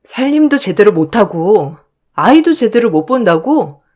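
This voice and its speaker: At a measured pace and medium pitch, a woman narrates what happened to her, expressive throughout, and in the spoken exchanges she portrays herself as a hurt wife who pleads.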